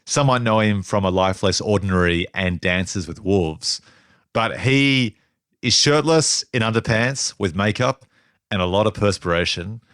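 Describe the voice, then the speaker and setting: Low-voiced man co-hosting a film podcast. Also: fairly bright tone, smooth, no room sound, studio quality. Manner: playful, laughs often, quick asides. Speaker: podcast co-host. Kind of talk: casual movie review chat.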